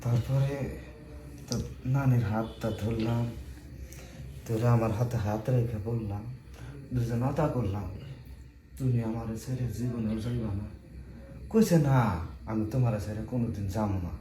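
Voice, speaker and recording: A man playing an elderly village grandfather who tells old stories and scolds loudly. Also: medium pitch, fairly even intonation, moderate pace, long pauses, noisy background, lightly acted. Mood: reminiscing. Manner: folksy storytelling, then loud scolding. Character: elderly village grandfather, later a blustering husband. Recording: roomy indoor recording.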